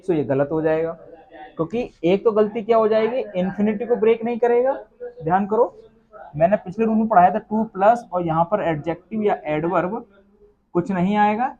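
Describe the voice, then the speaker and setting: A man's voice: sits high, darkish tone, muffled recording. A man teaching English grammar in a classroom lecture, explaining step by step and asking the class questions, with an Indian accent.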